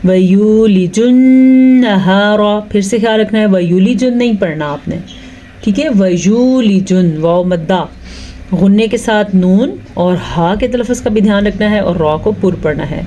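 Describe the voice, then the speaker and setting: A woman teaching Quran recitation rules, explaining slowly, reciting drawn-out examples and asking if the point is clear. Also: mid-range voice, mellow, slight background noise. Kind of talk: tajweed lesson with recitation.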